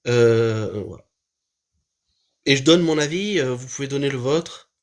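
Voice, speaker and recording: A man with a mid-pitched voice hosts a live stream and reacts casually to a video. He talks hesitantly, filling gaps with pauses and restarts. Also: darkish tone. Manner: hesitant, full of fillers and restarts.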